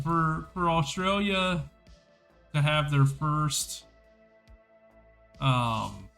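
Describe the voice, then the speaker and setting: A man's voice: a little high, a bit bright. A man hosting a casual hockey podcast on a livestream, chatty and enthusiastic, rambling as he goes. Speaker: podcast host.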